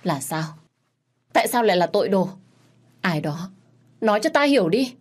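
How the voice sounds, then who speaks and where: A woman's voice: fairly low pitch, animated, normal speed. A woman voicing a grieving royal mother in a read-aloud story, wailing in anguish.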